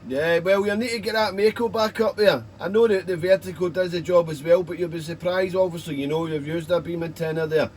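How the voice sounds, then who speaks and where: A man's voice: high voice, fairly even intonation, brisk, few pauses, a little hiss or hum. A British man chatting casually as a radio operator, rambling along in friendly jargon-filled exchanges.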